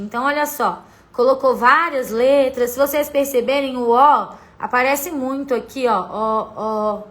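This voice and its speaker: Bright high-voiced woman teaching. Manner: explains patiently, points things out to viewers, greets chat. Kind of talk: live-streamed literacy lesson.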